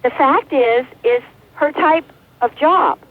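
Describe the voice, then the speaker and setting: A woman's voice: high voice, takes it slowly. A woman caller on a clipped car phone line, talking in an indignant, moralizing way on a call-in radio show.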